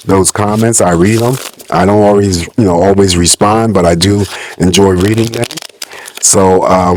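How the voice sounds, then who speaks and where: A man's voice: sits low, a little hiss or hum. A man giving a casual tarot reading to viewers, his voice muffled by a lingering cold, speaking in an informal, conversational way. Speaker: tarot reader hosting a channel.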